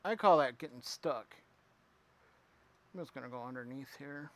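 A man streaming himself playing a retro game, chatting with viewers and reacting out loud as he plays. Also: medium pitch, normal speed. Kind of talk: casual live gameplay commentary.

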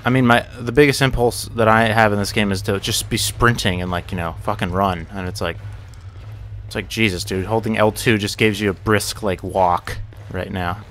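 Speaking on the low side at a moderate pace, a young gaming channel host keeps a steady, fairly bright tone as he plays a horror game. A little hiss or hum sits under his rambling, muttered, profane let's play commentary. Jump scares make him yelp and curse.

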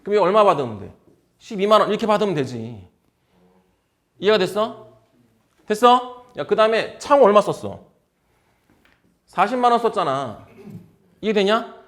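Lively casual male exam lecturer. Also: high-pitched, normal speed, pauses often. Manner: drilling with constant check questions; blunt informal speech.

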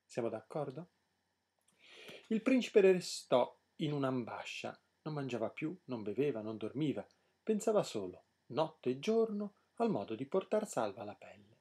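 A man reading a fairy tale aloud in an expressive storybook narration. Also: mid-range voice, moderate pace, slightly rough.

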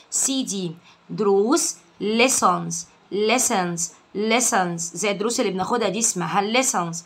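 Egyptian woman, young, English teacher for kids, bright tone, repeats each word slowly and loudly. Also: medium pitch. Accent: Egyptian Arabic. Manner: drills English words slowly and loudly after explaining in Arabic. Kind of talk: vocabulary lesson for children.

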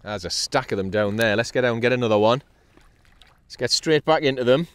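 Speaking a little fast in a smooth mid-range voice with no room sound, a kayak angler from North East England chats upbeat and cheery through his sea fishing vlog. An action camera on the kayak records him, and he gets excited when a fish bites.

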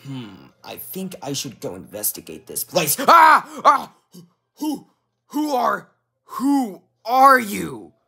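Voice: mid-range voice, sing-song, normal speed, hardly any pauses, fairly bright tone, husky, pitched below the performer's own voice, full character voice. Meta Knight, a fan doing a jumpy masked knight. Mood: panicked. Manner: startled, yelps and stammers.

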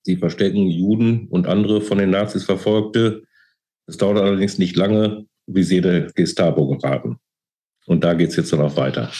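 Fields: Sex: male. Role: author reading his novel. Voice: deep, mellow. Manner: calm, measured. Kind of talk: book reading.

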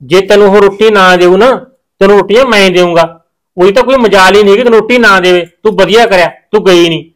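Brief: actor as a reassuring farmer son, higher male voice, quick delivery. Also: lightly acted, low-quality recording. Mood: firm. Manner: reassuring, firm and coaxing. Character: farmer son and husband, reassuring yet firm. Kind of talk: short-film village drama acting.

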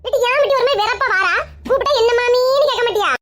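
A woman's voice: very high voice, quick pace, heavy background noise. A woman with a Kanyakumari Tamil accent voicing a scheming, bossy elderly mother-in-law in a comic family sketch. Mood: coaxing. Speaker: comedy sketch creator.

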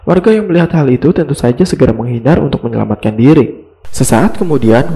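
A man's voice: mid-range voice, mellow. A man narrating a scripted story recap, with mocking, slangy asides to the audience.

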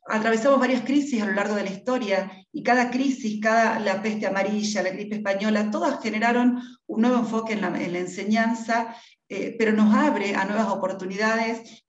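Middle-aged female education speaker, medium pitch, list-building delivery, very roomy video-call audio. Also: highs cut off. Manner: builds lists with repeated phrases, tag questions. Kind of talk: reflective conference talk. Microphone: video call, wearing headphones.

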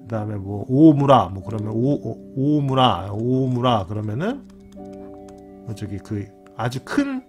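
In a laid-back teaching style, a male channel lecturer explains his topic, circling back to key words and tagging his points with a frequent "right?". His intonation is animated and lively, and gentle guitar music can be faintly heard behind him.

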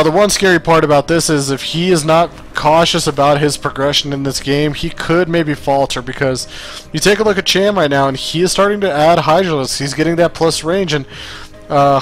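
A man doing solo play-by-play commentary on a strategy game, tired after a long day, chatty and loose, often restarting his sentences. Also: a little high. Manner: relaxed, chatty, self-correcting, occasional laughs. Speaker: esports caster.

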